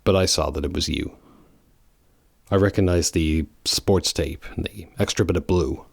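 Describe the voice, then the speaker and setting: Man as low, brooding Shadow the Hedgehog. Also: gravelly, husky, no echo, studio quality, exaggerated voice. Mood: grave, protective. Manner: halting, grave, guarded. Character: brooding, bitter, loyal male hedgehog antihero. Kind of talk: audio drama voice acting.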